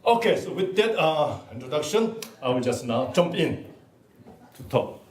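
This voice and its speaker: A native Korean man gives a relaxed, chatty academic talk, often repeating words as he writes on the board. He sounds distant, picked up in a roomy, echoing seminar room. Faint clicks sit under his voice. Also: a little high, normal speed, slight background noise. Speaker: seminar speaker. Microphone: distant room mic. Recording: echoey room, far mic.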